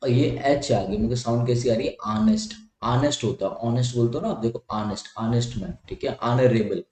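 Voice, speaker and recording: A man's voice: mid-range voice, dark tone, slight background noise. Echoey male grammar teacher explaining patiently. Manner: repetitive, checks understanding with "theek hai", drills sounds aloud. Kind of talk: explanatory lesson for exam students. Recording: echoey room.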